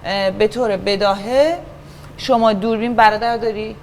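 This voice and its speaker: A woman runs a children's acting class in a patient, encouraging way, giving instructions and calling the room to order. Her pitch sits in an ordinary middle range. A faint hiss of room noise stays low behind her. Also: steady tone, a little mellow.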